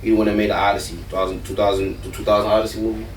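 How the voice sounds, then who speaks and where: A man's voice: lowish voice, little pitch movement, very fast, reverberant, distant mic, slight background noise. A man, a rapper, talking casually and bluntly in an interview, rambling and swearing freely.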